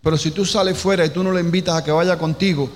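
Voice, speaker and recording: A man's voice: fairly high pitch, fairly even intonation, fast talker. A pastor from preaching a sermon, asking the congregation questions and repeating phrases as he works toward each point. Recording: reverberant hall with faint noise.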